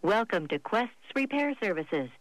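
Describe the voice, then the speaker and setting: A woman's recorded phone message voice, reading menu prompts in a polite, measured announcer manner. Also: medium pitch, sing-song, dry recording. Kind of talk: scripted prompts. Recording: noisy phone line.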